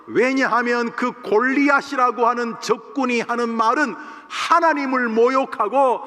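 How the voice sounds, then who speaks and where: High-voiced pastor preaching in a reverberant hall. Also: male voice, unhurried. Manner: animated storytelling, reads scripture aloud. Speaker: senior pastor. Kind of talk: sermon. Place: church sanctuary.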